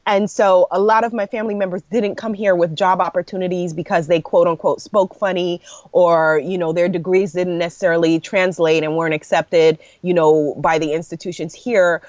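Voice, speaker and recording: A woman's voice: fairly low pitch, fairly even intonation, normal speed, no room sound, dull audio. A woman in her thirties from New York, a podcast guest telling stories in a casual conversation, laughing easily and often saying "you know". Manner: warm storytelling with frequent laughs and "you know".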